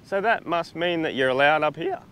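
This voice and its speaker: A man's voice: fairly high pitch, lively intonation, brisk, fairly bright tone, clean tone. An Australian man chatting casually through a travel vlog on a beach, laid-back, with lots of fillers and restarts, recorded outdoors on a small camera-mounted mic. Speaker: travel vlogger.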